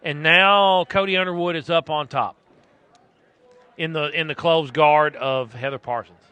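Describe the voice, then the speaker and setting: Guy color commentator chatting through a live fight, sharp bright voice a bit on the high side. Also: fairly even intonation, measured pace, smooth, dry recording. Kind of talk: conversational live fight analysis.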